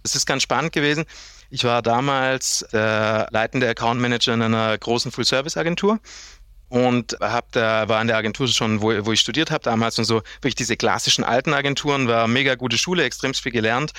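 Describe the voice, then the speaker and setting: A man's voice: medium pitch, fairly quick, no room sound, studio quality. A man in his thirties from Germany, a sales director chatting as an interview guest and explaining his work at length, acting out what clients say. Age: 30s. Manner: lively, explains at length with acted-out client quotes. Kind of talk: casual interview chat.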